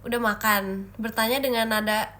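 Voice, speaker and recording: A woman's voice: fairly high pitch, fairly even intonation, moderate pace, pushed and bright. A young woman hosting a casual livestream chat, playful and giggly, teasing her viewers while sick with a cough and a stuffy nose. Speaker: idol livestream host.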